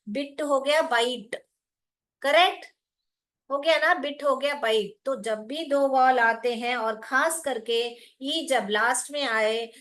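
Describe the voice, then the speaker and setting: A woman's voice: a little high, fairly bright tone. A woman teaching phonics in an online class, patient and explaining step by step, often asking rhetorical questions and fondly addressing her learners as children.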